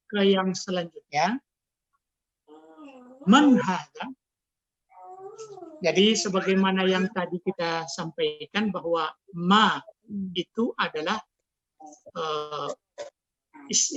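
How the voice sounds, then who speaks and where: This Indonesian-accented man has a high, slightly bright voice, recorded dry over a dull lo-fi online call. He teaches Arabic online and patiently encourages his students to read aloud.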